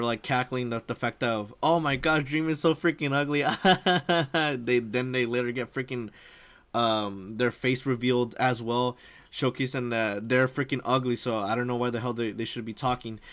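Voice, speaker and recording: A man's voice: mid-range voice, fairly bright tone. A young man streaming a casual reaction, rambling with many fillers and frequent laughs. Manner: rambling, lots of fillers and "freaking", laughs often.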